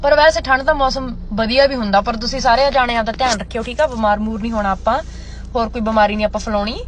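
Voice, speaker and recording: A young woman chatting casually and opinionatedly, with animated, exasperated, dramatic emphasis and English mixed in. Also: a little high, fast talker. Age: young adult. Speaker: vlogger. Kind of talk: casual opinionated chat to camera, mixing in English.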